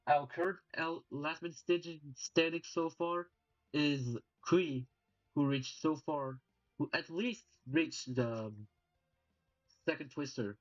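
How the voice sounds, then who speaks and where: A young man commentating a game competition play-by-play, halting with fillers and restarts, then breaking into excited shouts. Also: a little high, no echo. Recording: distant dull mic with faint music.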